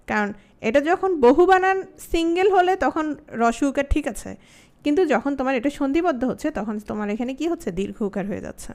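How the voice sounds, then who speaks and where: A woman with a high voice and a Bangladeshi Bengali accent teaches an online grammar class. She asks the students many questions and says example words slowly, one by one, before she explains the rule.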